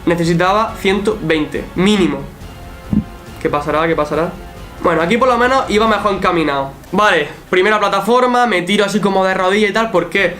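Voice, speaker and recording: A young man with a high voice tells his story in a loose, animated vlog style. He swears freely and acts out what people said to him. Faint music plays underneath. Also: fast talker, hardly any pauses. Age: young adult. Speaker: athlete recounting his show run. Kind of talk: casual storytelling vlog commentary.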